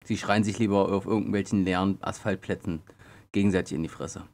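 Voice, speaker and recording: A man comments casually, as a streamer would. His voice sits fairly low and his manner is sardonic and deadpan. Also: fairly quick, gravelly. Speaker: reaction streamer.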